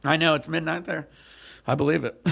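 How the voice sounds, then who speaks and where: Speaking at a normal speed, this man has a somewhat high, slightly bright voice with vocal fry and a congested, stuffy nose. He's out on a cruise ship deck at night, livestreaming through a handheld microphone. His chatter is relaxed, crude and joking.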